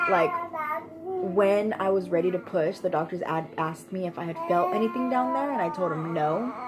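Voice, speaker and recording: A woman's voice: mid-range voice, noisy background. A young woman vlogger telling a personal story in a casual, chatty way, laughing often and using lots of fillers.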